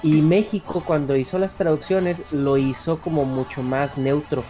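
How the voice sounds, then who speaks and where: A man's voice: on the high side, fairly even intonation, normal speed, dark tone. A man from northern Mexico with a northern Mexican accent, a podcast guest who chats casually and explains his points at length. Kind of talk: casual chat. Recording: faint background music.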